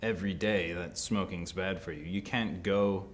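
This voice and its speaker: Very deep-voiced, laid-back young man. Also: steady tone, slight background noise. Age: 20s. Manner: laid-back, skeptical, unhurried. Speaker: interviewee. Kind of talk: candid interview answers.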